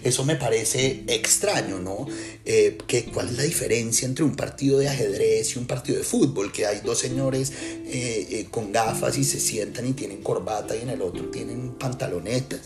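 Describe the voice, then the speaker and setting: A man from Colombia with a Colombian accent, a writer and lecturer musing in a casual, thoughtful way with many pauses and restarts. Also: medium pitch. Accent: Colombian Spanish. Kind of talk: casual reflective talk. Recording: music clearly behind.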